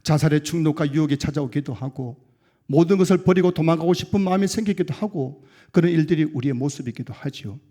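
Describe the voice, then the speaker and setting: Male pastor, earnest sermon delivery, fairly high pitch, loud emphatic peaks that fall away to quiet endings. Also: fast talker. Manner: drops low and quiet to close sentences.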